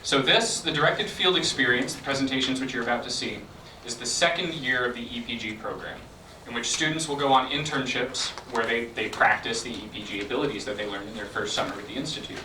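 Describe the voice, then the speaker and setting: A man's voice: mid-range voice, a little fast. Male event host, casual announcements, echoey room with faint background hum. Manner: friendly, many fillers. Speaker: event organizer. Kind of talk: event introduction. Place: lecture room. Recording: echoey room, mic from a distance.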